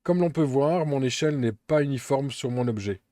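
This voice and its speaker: A man walks through a software tutorial step by step, calm and methodical. His voice is dark and mellow, and the recording is dry and close with no room sound. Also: mid-range voice, fairly quick, dry recording. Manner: calm, methodical step-by-step explaining with occasional fillers. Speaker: Blender tutorial instructor.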